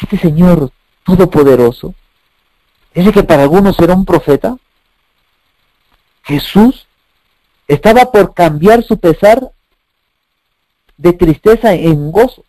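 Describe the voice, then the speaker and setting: High-pitched emphatic preacher man. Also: slow pace, pauses often, warm tone, no echo, low-quality recording. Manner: emphatic, rhetorical questions, repeats phrases. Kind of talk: sermon.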